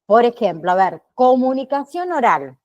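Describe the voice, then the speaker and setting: A woman teacher giving an online class lecture, speaking deliberately and checking in with frequent tag questions. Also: on the high side, sing-song, darkish tone, lo-fi sound. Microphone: computer mic on a video call.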